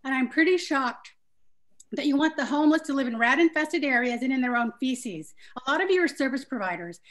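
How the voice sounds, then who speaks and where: A woman speaking in a council meeting, sharp, combative and sarcastic. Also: sits high, animated, fairly quick. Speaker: board member. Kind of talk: public comment at online meeting.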